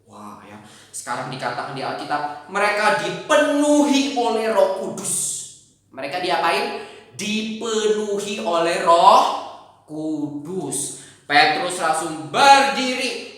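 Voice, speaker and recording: Animated woman telling a Bible story. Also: medium pitch, unhurried. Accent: Indonesian. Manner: animated, acts out voices and exclamations. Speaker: Sunday school teacher. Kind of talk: storytelling Bible lesson to children. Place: church hall. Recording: echoey room, voice from far off.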